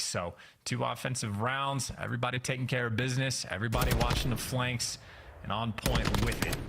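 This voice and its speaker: A man's voice: medium pitch, vocal fry, heavy background noise. A man giving live esports color commentary, breaking down stats and plays. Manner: analytical, explaining stats and plays.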